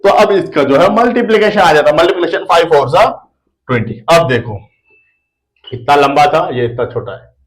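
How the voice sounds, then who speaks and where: A man with an Indian accent teaches a maths lesson in a playful, chatty way. He repeats phrases over and over as he talks to the children. His voice sits a little high for a man. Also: expressive, fairly quick, poor audio.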